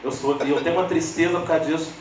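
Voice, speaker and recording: Heavy background noise surrounds a rapid-fire sermon from a Brazilian lay preacher with a Brazilian Portuguese accent. He tells humorous stories, talks directly to the congregation and swings into lively high voices for quoted people. The recording is slightly distant in an echoey church sanctuary.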